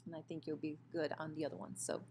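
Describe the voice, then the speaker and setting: Low, gravelly-voiced woman teaching grammar. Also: level tone, quick pace, a little mellow, slight background noise. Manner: explains patiently, with many fillers and self-corrections. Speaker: Spanish teacher. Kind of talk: recorded screen-share grammar lesson. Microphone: computer mic for a screen recording.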